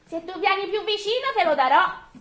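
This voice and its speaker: A woman's voice: very high-pitched, expressive, brisk, a bit bright, echoey room, pitched above the performer's own voice. A woman voicing a cheeky, clever little boy who pleads and tricks. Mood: pleading. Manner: pert, pleading.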